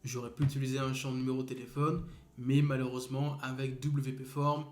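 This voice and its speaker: A young man talks through a screen-recorded website tutorial, describing each click step by step. His voice sits at a middle pitch and carries an echoey room sound. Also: flat delivery, brisk, a little mellow. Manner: step-by-step, talks while clicking, corrects small slips. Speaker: web design instructor.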